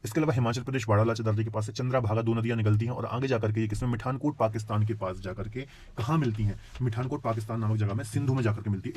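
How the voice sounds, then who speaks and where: A man teaching geography for exam prep, who keeps asking his students rhetorical check-in questions and clears his throat now and then. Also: mid-range voice, a little mellow, slight background noise. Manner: addresses students as children.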